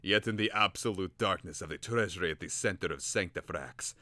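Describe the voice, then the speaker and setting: A man's voice: deep voice, fairly quick, sharp tone, no echo. A man voicing a stern old male professor who speaks solemnly and declaims.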